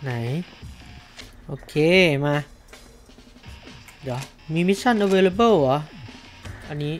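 A man's voice: high voice, expressive, extremely slow, a little mellow, faint music behind. A man doing casual let's-play commentary, stuffy from allergies, exclaiming during fights. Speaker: game streamer.

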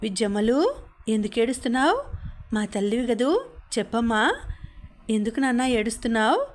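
A woman's voice: on the high side, moderate pace, natural voice. A woman voicing an affectionate young mother who speaks tenderly and coaxingly, in an audiobook.

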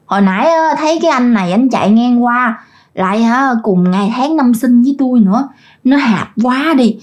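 A woman's voice: fairly high pitch, lively intonation, moderate pace, darkish tone, lightly acted. A woman voicing the ghost of a young woman killed in a crash, speaking. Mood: plaintive.

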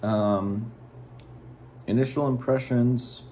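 A man's voice: medium pitch, fairly even intonation, slow pace, dark tone, slight background noise. A man casually reviewing food, chewing while talking, with a hesitant, rambling manner full of fillers.

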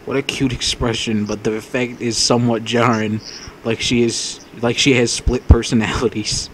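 A man narrates a visual novel between crude jokes, laughing easily at his own lines. His voice sits at a middle pitch, and a faint hiss of background noise runs under it. He talks into a wireless mic. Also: flat delivery, normal speed, fairly bright tone. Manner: crude, joking, laughs often. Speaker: let's play host reading game text aloud. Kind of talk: casual gaming banter.

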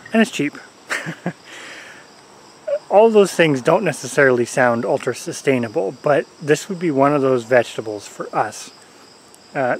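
In a mid-range voice captured with poor audio, a homesteader in his forties rambles casually to the camera he holds outdoors in his corn garden. Fillers and chuckles run through his relaxed talk, and the arm's-length camera mic picks up the faint buzz of crickets and insects.

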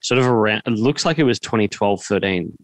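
An Australian podcast host in his thirties interviews a guest, asking roundabout, hesitant questions in a casual, conversational way. He speaks a little fast in a lowish voice into a close studio mic on a boom arm, wearing headphones, with no room sound.

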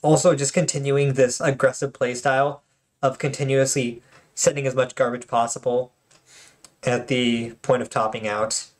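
A man's voice: mid-range voice, level tone, normal speed. Chatty man commenting on game replays. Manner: chatty and joking, with frequent fillers and restarts. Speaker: channel host and tournament commentator. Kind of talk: casual replay commentary with tips.

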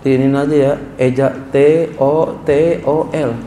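A man teaching a classical text as a kyai, reading Arabic slowly and explaining it in casual speech that climbs into animated scolding. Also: mid-range voice, a little hiss or hum. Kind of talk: sermon-style kitab lesson. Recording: echoey room with faint ambience.

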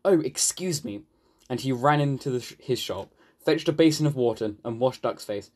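A man from the United Kingdom narrating a children's storybook in an animated, expressive way. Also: mid-range voice, fairly quick. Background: background music.

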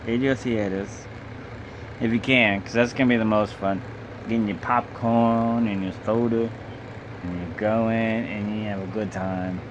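A man's voice: on the low side, steady tone, measured pace. Drunk, rambling young man over background noise. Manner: loose, rambling, blunt, swearing. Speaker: amateur film reviewer. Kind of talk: rambling casual video review, profane. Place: small bedroom, indoors. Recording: clear background hum and noise.

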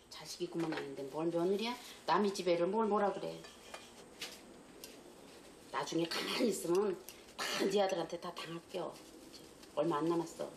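A woman's voice: fairly low pitch, gravelly. An older woman as a mother-in-law, scolding and complaining in a heated family argument. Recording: echoey room with faint noise.

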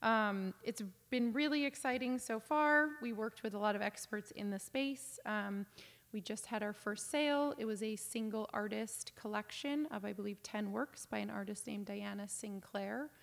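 A young adult woman talks through her slides in an easy, conversational way, dropping ums and upbeat asides as she goes. Her voice sits at an ordinary pitch. It comes through a webcam on a video call from a home office, trailing a long reverb. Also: moderate pace, gravelly. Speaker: auction house business development director giving a lecture. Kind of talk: informal lecture over slides.

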